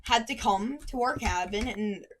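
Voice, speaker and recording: A woman with a mid-range voice chats casually at a measured pace while gaming, rambling through a story and breaking off to react to the game. She records on a desk microphone at her computer, with a noisy background and keyboard and mouse clicks throughout.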